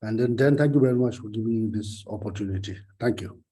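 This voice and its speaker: A man, a training center principal, giving a halting introductory pitch on a video call and often correcting himself. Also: warm tone, poor audio. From Bhutan.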